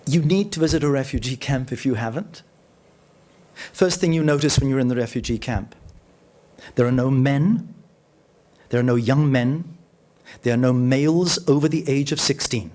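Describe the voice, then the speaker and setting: Man telling a story in a lecture. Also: a little mellow. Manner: vivid, acts out dialogue with shifting pitch; slows down and drops low for emphasis. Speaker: lecturer, radio journalist. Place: lecture hall.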